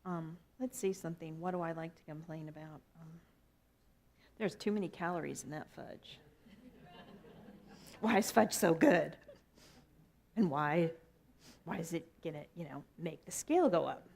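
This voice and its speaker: A woman's voice: deep voice, normal speed, vocal fry, pauses often, darkish tone. A middle-aged woman minister giving a sermon in a conversational, playful way, with self-deprecating asides.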